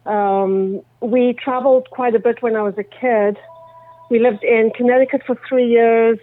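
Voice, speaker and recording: A woman, a guest telling her story in a thoughtful, measured way. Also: fairly high pitch, steady tone. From South Africa. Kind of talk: conversational interview answers. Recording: dry, phone-like remote line.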